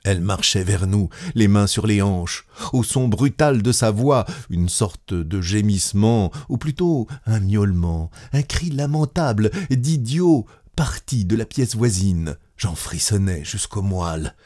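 Low-voiced guy slowly reading a classic story out loud, grave and measured. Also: expressive. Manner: slow, measured, grave delivery. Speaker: narrator. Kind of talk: literary audiobook reading.

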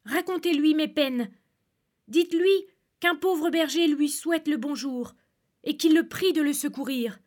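A woman playing a poor, frightened shepherd in a read-aloud fairy tale, his voice pitched well above her own and pushed loud. He begs and shouts, always anxious. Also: normal speed, few pauses. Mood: imploring. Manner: pleading, crying out.

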